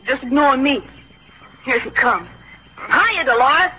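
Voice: high-pitched, expressive, slow pace. A performer playing a cocky, condescending teenage boy who shows off his maturity in an old-time radio comedy. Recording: dull lo-fi old radio recording.

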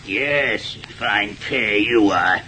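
A man's voice: lowish voice, drawn-out words, sharp tone, a little hiss or hum, exaggerated voice. An actor playing a cantankerous, suspicious rich old uncle, scolding his relatives in a bitter family row in an old radio drama. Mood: scornful, accusing. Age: older.

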